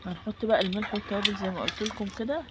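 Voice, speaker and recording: An Egyptian-accented woman with a stuffy, congested nose gives a casual, homely cooking demonstration. She explains each step as she goes at a medium pitch. The recording is clearly noisy, with clicks and farm animal sounds behind her. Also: racing. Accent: Egyptian Arabic. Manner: homely, instructional, talks through each step. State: has a cold, stuffy nose. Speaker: home cooking vlogger.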